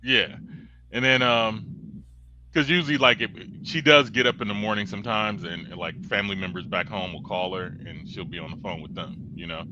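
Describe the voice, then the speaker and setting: A man's voice: fairly low pitch, moderate pace, highs cut off, noisy background. A man co-hosting a podcast in casual chat, telling stories animatedly and swearing freely. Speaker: podcast co-host.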